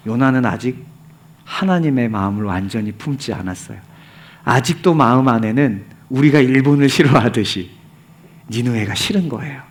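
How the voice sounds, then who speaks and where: A male pastor with a medium-pitched voice preaches a sermon, telling the story animatedly and posing rhetorical questions to the congregation. At times he drops almost to a whisper for emphasis.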